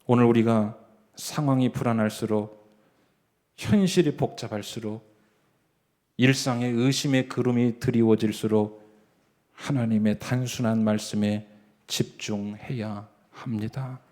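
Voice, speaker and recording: A middle-aged man, a senior pastor, preaching a Sunday sermon in a church, telling a story in hushed tones and then building to emphatic calls. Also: medium pitch, steady tone, unhurried, long pauses. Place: church sanctuary.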